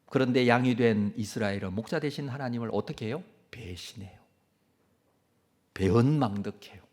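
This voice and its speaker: A man's voice: mid-range voice, quick pace, darkish tone. A male pastor preaching a sermon who asks his listeners questions and then answers them himself.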